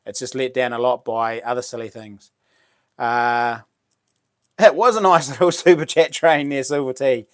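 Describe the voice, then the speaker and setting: Male livestream host, broad Kiwi accent, mid-to-low pitch, dry sound, matey and slangy. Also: steady tone, moderate pace, clean tone, no room sound. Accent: New Zealand. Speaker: live stream host. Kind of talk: casual livestream chat, reading out comments.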